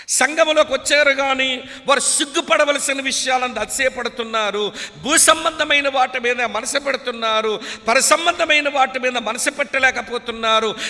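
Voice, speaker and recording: A man's voice: very high-pitched, pushed and bright. A man preaching a sermon with a Telugu accent, pleading emotionally and calling his listeners beloved. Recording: long reverb of a large hall.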